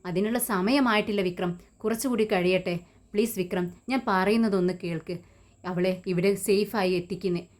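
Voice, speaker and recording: A woman's voice: mid-range voice, steady tone, moderate pace, lightly acted. A woman reading the part of an adult woman pleading with someone on the phone, in an urgent tone.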